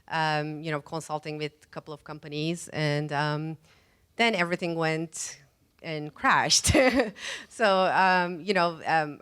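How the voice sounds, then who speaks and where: A woman's voice: low-pitched, fairly bright tone, smooth. A woman in her forties from Turkey, telling her career story on a panel in a chatty way, with many fillers and light laughs, into a handheld mic. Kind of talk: casual personal story at a panel. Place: meetup event room.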